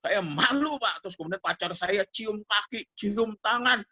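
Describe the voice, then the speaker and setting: A man's voice: moderate pace, bright, forceful tone, exaggerated voice. A man voicing a sobbing, ashamed young woman. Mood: pleading. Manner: high, wailing and pleading.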